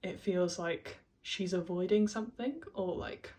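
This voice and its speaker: A woman's voice: lowish voice, measured pace, a little mellow. A woman talking through a casual video essay, chatty, with many fillers and frequent laughs.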